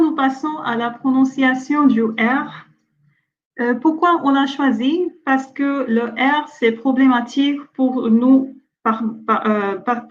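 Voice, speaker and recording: A woman with an Indian accent teaching French pronunciation in an online lesson, switching between French and English and repeating example words slowly and clearly. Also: on the high side. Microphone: online webinar audio. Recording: dull lo-fi webinar audio.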